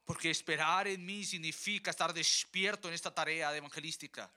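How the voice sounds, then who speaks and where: A man's voice: fairly high pitch, steady tone, brisk, sharp tone, smooth. A man preaching a sermon, telling a conversion story and addressing the congregation as his brothers.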